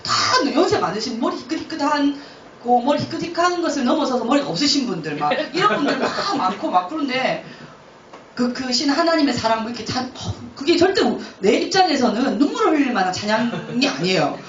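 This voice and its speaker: A woman missionary tells her faith story with a high voice that rises and falls a lot, often laughing as she speaks. The sound is dull and comes from some distance in an echoey church hall. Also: big pitch swings, a little fast, a little hiss or hum. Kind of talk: testimony talk.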